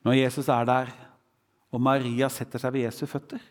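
A man's voice: mid-range voice, level tone. A man preaching a sermon, quoting scripture with a rising and falling voice. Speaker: pastor. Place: church hall. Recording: church hall reverb.

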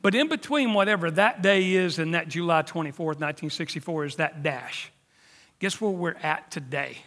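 A man's voice: fairly high pitch, moderate pace, fairly bright tone, long reverb tail. A man, preaching a sermon emphatically and sometimes dropping to a near-whisper for emphasis. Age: 50s. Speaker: pastor.

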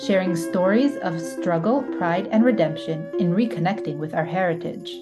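A woman's voice: lowish voice, moderate pace, over music. A woman co-hosting a podcast, reading a scripted intro in an upbeat, inviting way. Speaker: podcast co-host.

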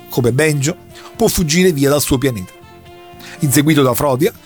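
A man recounting a long story in a casual chat, telling it with dramatic flair. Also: medium pitch. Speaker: podcast host recounting an anime plot.

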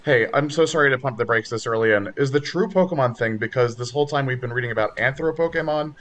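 A man's voice: medium pitch, quick pace, fairly bright tone. A man chatting casually with friends, putting in wry, questioning comments on a story being read aloud. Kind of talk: casual chat.

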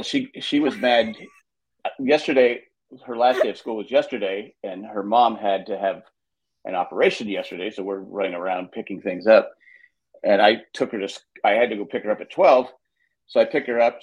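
A man's voice: medium pitch, slightly rough, dull audio. An older man co-hosting a podcast, telling stories in casual chat and acting out the voices of people he quotes. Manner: animated storyteller, acts out quoted voices. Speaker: podcast co-host.

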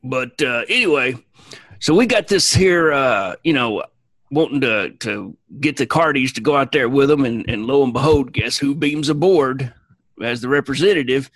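Co-hosting a podcast, a man plays a boastful, crude Southern space crewman giving a comic in-character recap full of fillers and restarts. His mid-range voice is fairly bright with lively intonation and normal speed, and the audio is poor, with no room sound.

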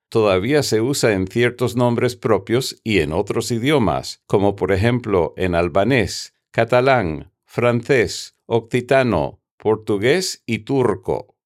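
A man hosting a radio show, reading a scripted lesson in a methodical, didactic way and counting off examples one by one. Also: fairly low pitch. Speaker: radio host.

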